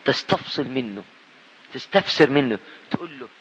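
A man's voice: medium pitch, animated, fairly quick, in a large hall, highs cut off, background noise. A man with an Egyptian Arabic accent preaching a teaching sermon, emphatic, repeating key points and quizzing his listeners.

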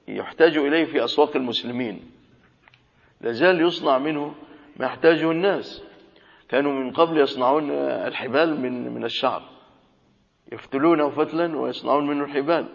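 A man teaching a religious lesson, reading a classical text aloud and explaining it in colloquial asides. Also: mid-range voice. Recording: dull lo-fi audio with long hall reverb.

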